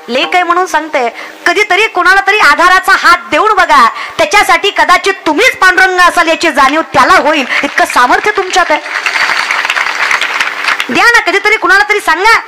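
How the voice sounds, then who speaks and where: A woman's voice: extremely high pitch, sharp tone, a little hiss or hum. A young woman preaching a comic devotional sermon, urging the crowd and acting out villagers' lines. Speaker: kirtan preacher.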